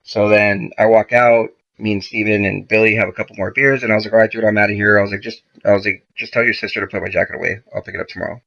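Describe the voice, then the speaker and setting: Gravelly low-voiced man telling a story. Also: fast, few pauses. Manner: profane, animated retelling with quoted dialogue. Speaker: podcast guest. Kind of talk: casual storytelling. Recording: dull lo-fi podcast audio.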